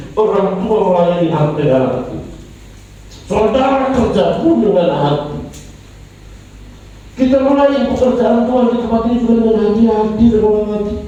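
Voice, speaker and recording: A man with an Indonesian accent, a pastor preaching a sermon, moving between soft low asides and raised emphatic lines. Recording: echoey, distant, dull church livestream.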